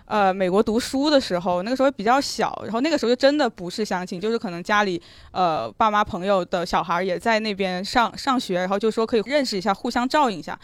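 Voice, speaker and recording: Fast-talking young woman telling a story. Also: mid-range voice, no room sound. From China. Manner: animated, rushed storytelling with repeated restarts. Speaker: guest listener. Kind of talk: casual storytelling chat.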